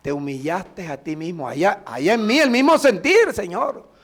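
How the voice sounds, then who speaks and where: High-voiced preaching man. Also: animated. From Colombia. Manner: preaching with emphatic drawn-out phrases and prayers. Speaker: pastor. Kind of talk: sermon.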